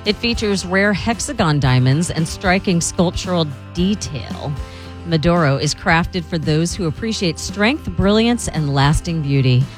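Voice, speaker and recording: Woman, lower pitch, luxury ad style, polished scripted sales read, faint music. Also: expressive, measured pace. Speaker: radio show host.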